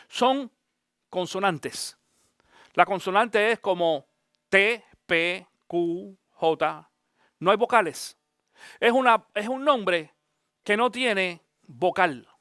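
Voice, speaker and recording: A man, a pastor, giving an animated Bible teaching, often asking his listeners direct questions. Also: high-pitched, dry recording, studio quality.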